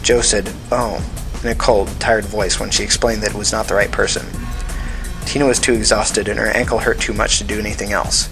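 A man narrating an audiobook in a steady, even reading voice. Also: on the low side, fairly quick, vocal fry, music in the background, poor audio.

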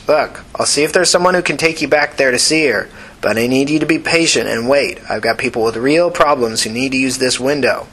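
A man's voice: medium pitch, fairly quick, a bit bright, husky. A man voicing a tired, brusque middle-aged woman nurse behind a window. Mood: curt. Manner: curt, businesslike.

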